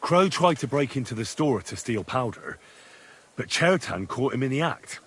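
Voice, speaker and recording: An actor playing a young soldier who lays out his evidence in a steady, matter-of-fact way in a video game. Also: medium pitch, normal speed, slightly rough.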